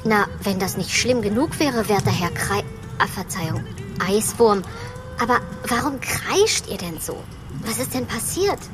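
A woman voicing a polite, curious little creature with lively questions in a children's audio drama. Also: mid-range voice, a little slow, music in the background, natural voice. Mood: concerned.

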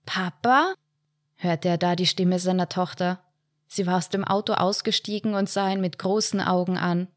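A woman narrating a short story in a measured storytelling way. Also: fairly low pitch, flat delivery, no echo, clean studio sound. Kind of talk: audiobook short story reading.

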